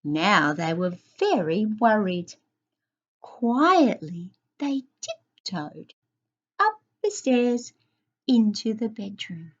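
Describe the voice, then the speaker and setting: A woman reads a children's story slowly and with lively, swooping pitch, stopping to ask young listeners questions. Her voice sits a little high and comes through a muffled, lo-fi recording. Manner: asks young listeners questions, sing-song. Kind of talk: expressive storybook reading.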